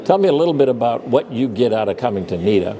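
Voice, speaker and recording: A managing editor hosts interviews on a busy conference floor, the recording full of crowd noise. His mid-range voice has a dark tone, and he talks fast and very animatedly. Friendly and encouraging, he keeps his guest going with frequent short affirmations.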